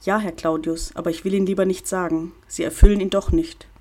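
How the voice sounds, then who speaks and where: A woman's voice: fairly low pitch, fairly even intonation, a little fast, mellow, lightly acted. A woman voicing an earnest, naive young girl who speaks eagerly and pleadingly. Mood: hesitant.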